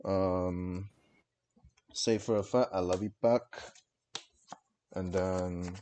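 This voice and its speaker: Lowish man on livestream headset audio. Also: steady tone, background noise. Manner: quick, terse card-game calls with many fillers. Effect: livestream headset mic audio. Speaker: streamer and card game player. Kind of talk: casual play-by-play commentary of his own turn.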